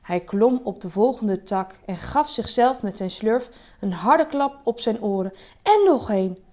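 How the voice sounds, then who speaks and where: A woman reading a children's story aloud in a slow, measured narration. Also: medium pitch, dark tone.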